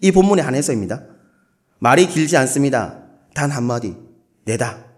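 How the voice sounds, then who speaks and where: A male pastor with a Gyeongsang Korean accent preaches a sermon playfully, acting out short quotes with lively flair. His voice is medium-pitched and a little fast.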